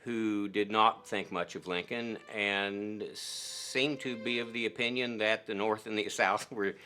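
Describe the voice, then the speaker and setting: A man recounting an incident in a slow, measured way. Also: lowish voice, fairly even intonation, pushed and bright.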